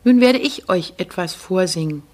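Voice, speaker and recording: A woman voicing a kind older man who oversees the boys, speaking deep and calm. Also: moderate pace. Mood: hearty.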